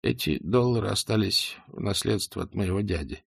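A man voicing a frightened middle-aged male doctor under interrogation, pleading and breaking into hysterical shouts. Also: fairly low pitch, lively intonation, normal speed, gravelly, husky, no room sound, studio quality, exaggerated voice. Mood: nervous.

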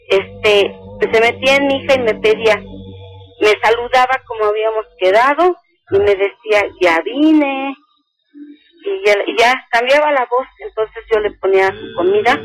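An older woman calling a radio show, slowly and earnestly telling a personal story and quoting each speaker. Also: on the high side, low-quality recording. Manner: slow, earnest retelling that quotes each speaker. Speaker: caller.

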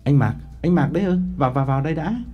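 A blunt, stubborn older father in an audiobook, played by the male narrator, firm and insistent. His low voice sounds husky and mellow, with lively swings. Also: quick pace, muffled recording, faint music behind, heavily acted.

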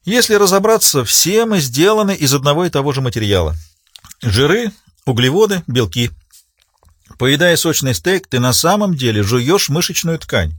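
Guy doing a jolly chubby coroner, higher voice, chatty and lecturing, husky. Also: big pitch swings, moderate pace, no echo, clean studio sound. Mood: jovial. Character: portly jovial male pathologist, hearty gourmet. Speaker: medical examiner.

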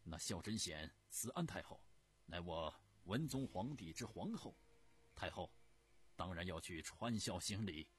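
A male storyteller voicing a dutiful, firm prince who answers the dowager deferentially but insistently, in a low voice. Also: expressive, measured pace, slight background noise. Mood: respectful.

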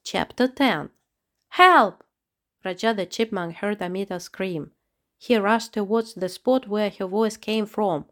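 A woman narrating a children's storybook with a steady, clear reading. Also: medium pitch, a little slow.

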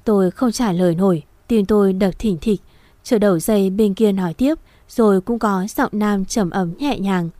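A woman reading a first-person story in a soft, emotional way. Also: mid-range voice, normal speed, dry recording. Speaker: narrator.

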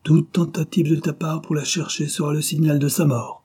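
A man's voice: fairly high pitch, flat delivery, moderate pace, mellow, husky, pitched above the performer's own voice. A man reading the part of a dying, vengeful villain who sneers and threatens, in an audiobook. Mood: menacing. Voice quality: sneering, menacing.

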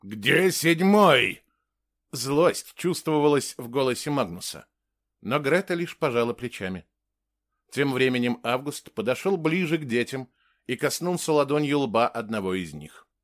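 A man narrating a mystery novel in a measured, dramatic reading voice. His pitch sits in the ordinary middle range for a man. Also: animated. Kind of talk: scripted audiobook narration.

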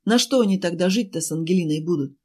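A woman voicing a chatty, fussing woman who runs a cafe, pleading and talking fast in an audiobook. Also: lowish voice, dark tone, breathy edge. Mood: fussy, pleading. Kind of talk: audiobook character voice.

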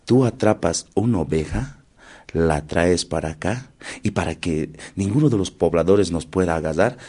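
A man's voice: low voice, lively intonation, normal speed, mellow. A man voicing a crafty, commanding male condor that drawls and schemes in a raised voice. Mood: scheming. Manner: drawling, scheming, smooth-talking.

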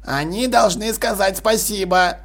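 A man voicing a hushed, dry-spoken old uncle in an audiobook. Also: high-pitched, unhurried, soft background music, exaggerated voice.

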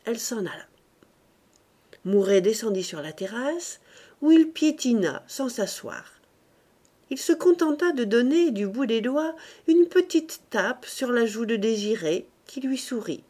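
A woman reading a classic novel aloud as an audiobook narrator, measured and unhurried, lifting her voice for the characters' lines. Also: expressive, mellow. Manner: measured, voices characters with raised pitch and volume. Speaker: audiobook reader.

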